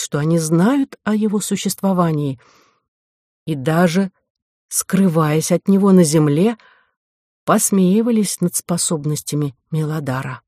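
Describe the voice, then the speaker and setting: An audiobook narrator telling a science fiction story at a measured, steady pace, with a voice pitched in the middle range. The recording is dry and close, with no room sound. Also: dry recording.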